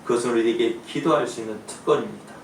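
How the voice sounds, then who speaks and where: A male pastor preaching a sermon, who swings between loud pleading and soft asides. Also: medium pitch, quick pace, creaky. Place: church sanctuary. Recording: echoey church room from a distance, faint noise.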